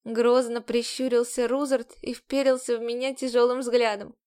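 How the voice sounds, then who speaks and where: A woman narrating an audiobook in the first person, with even, measured storytelling. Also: a little high, clean tone.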